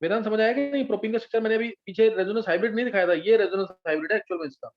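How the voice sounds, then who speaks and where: A man with a high voice leads a live online chemistry lesson, going through structures with patience and checking again and again that the class is following. The recording has a dull, lo-fi quality.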